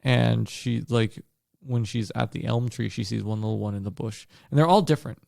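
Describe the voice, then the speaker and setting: A man's voice: medium pitch, normal speed, vocal fry, a little mellow, no echo, clean studio sound. A man co-hosting a book podcast, talking things through in a loose, thoughtful way with fillers and restarts. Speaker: podcast co-host. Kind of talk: casual book discussion.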